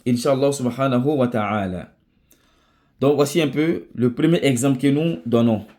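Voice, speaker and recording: A man's voice: mid-range voice, moderate pace, mellow. A man teaching Quran recitation rules in French, in a patient classroom manner. He restates each point several times and keeps checking in with "ça va?". Arabic terms are woven through his explanation. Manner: checks in with a repeated "ça va?". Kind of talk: tajwid lesson.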